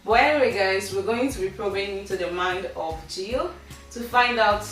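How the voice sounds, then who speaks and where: A woman's voice: medium pitch, normal speed, fairly bright tone. A woman with a Nigerian accent, hosting a casual interview for her channel and putting questions to a guest. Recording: very echoey room, distant mic, faint music.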